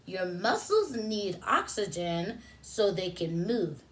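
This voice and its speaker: A sing-song, medium-pitched woman hosts story time as a preschool teacher. Reading to little kids, she adds instructional asides and simple questions, pausing each time for answers.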